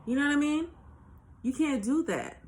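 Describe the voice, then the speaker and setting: A woman's voice: sits high, lively intonation, normal speed, darkish tone. Blunt, preachy woman life coach. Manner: emphatic, with repeated rhetorical questions. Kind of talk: casual motivational monologue. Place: at home, recording on her own.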